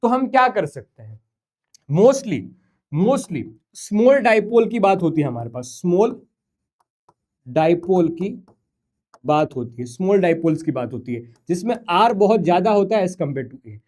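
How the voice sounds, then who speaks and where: A man's voice: sits high, very animated, measured pace, darkish tone. A man teaching a physics lesson at a whiteboard, coaxing and a little singsong as he talks to his students. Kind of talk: whiteboard lecture.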